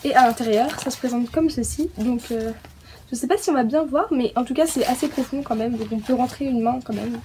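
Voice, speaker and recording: A woman from France talks through a haul of puppy gear in a casual, hesitant way. She fills her pauses and lets small giggles slip in. Her voice sits a touch high over a light hiss. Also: dark tone. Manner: hesitant, many fillers, giggly. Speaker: pet vlogger.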